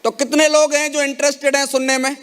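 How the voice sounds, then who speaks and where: Talking fast with a flat delivery, a man with an extremely high, fairly bright voice gives an emotional motivational speech at a network marketing event. He rallies the audience with questions from the stage of a large hall, captured with reverberant hall sound.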